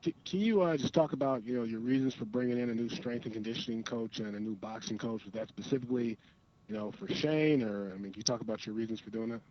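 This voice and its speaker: Male journalist, mid-pitched, rapid speech, phoning in on a muffled lo-fi line. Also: animated. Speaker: newspaper reporter. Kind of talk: press question on a conference call. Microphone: telephone. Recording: dull, lo-fi phone line.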